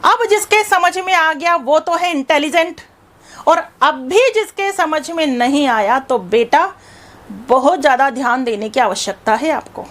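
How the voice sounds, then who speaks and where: A woman teaching a psychology lesson, asking her students questions and answering them herself, then repeating a definition more and more slowly with heavy stress on key words. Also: high-pitched, lively intonation, fairly bright tone.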